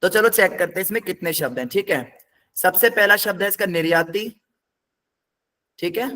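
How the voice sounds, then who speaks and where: A man's voice: sits high, normal speed, pushed and bright. A man teaching a scripture class, explaining word by word in a patient, step-by-step way and putting questions to his students.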